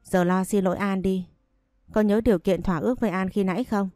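A woman voicing a sharp, accusing young female roommate in a spoken story. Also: medium pitch, steady tone, brisk, no echo, close to an everyday voice. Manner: harsh, accusing.

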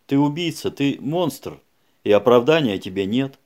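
A man's voice: medium pitch, animated, unhurried, lightly acted. A man playing a tough, aggressive male detective who barks and mocks in an audiobook. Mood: scornful. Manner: shouting, bullying, scornful.

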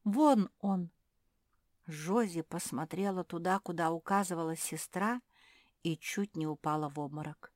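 A woman's voice: low-pitched, fairly even intonation, normal speed, no room sound, clean studio sound. A woman storyteller expressively reading a children's story.

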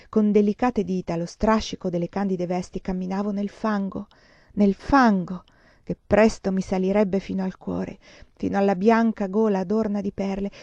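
A woman reading a novel aloud in an expressive, dramatic way, closely miked in a slightly dull recording. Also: no room sound. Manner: dramatic, rising in pitch at tense moments. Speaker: reader of a novel.

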